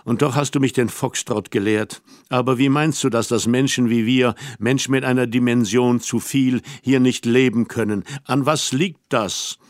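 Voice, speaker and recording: A man's voice: medium pitch, steady tone, moderate pace, few pauses, no room sound, clean studio sound, close to an everyday voice. A man reading the part of a lonely, troubled middle-aged man in an audiobook, asking searching questions in a tender way. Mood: tender questioning.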